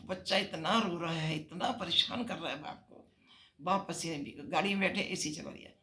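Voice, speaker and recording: A woman's voice: mid-range voice, a bit bright. An older woman giving earnest, emphatic marriage advice on a talk show.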